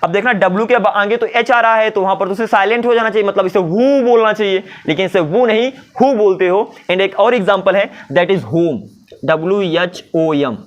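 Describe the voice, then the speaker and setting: A man's voice: high voice, brisk, muffled recording. A man teaching English pronunciation in a Hindi-English video lesson, asking and answering his own questions. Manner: lively, asks and answers his own questions, voices imagined students.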